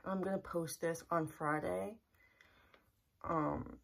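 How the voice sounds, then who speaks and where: This casual personal vlog comes from a young woman in a small bedroom, addressing a nearby camera in earnest, repetitive, plain speech. Her fairly low, gravelly voice stays steady and slow.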